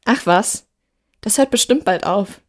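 A woman reading aloud and voicing a young female roommate who calls out in raised, bright bursts. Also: mid-range voice, a little slow, close to an everyday voice. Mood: anxious. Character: young woman roommate, cheerful then frightened.

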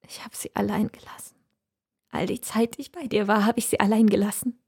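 A woman's voice: medium pitch, fairly even intonation, fast talker, breathy edge. A woman reading a weary, troubled mother. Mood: whispering. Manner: tired, quiet, breaks into tears. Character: worn-out troubled young mother. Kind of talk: audiobook reading.

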